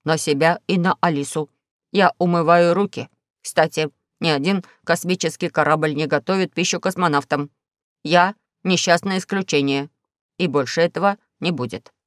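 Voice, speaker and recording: A woman voicing a polite, fussy talking spaceship in a lower, measured tone. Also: no room sound, studio quality, natural voice. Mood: prim.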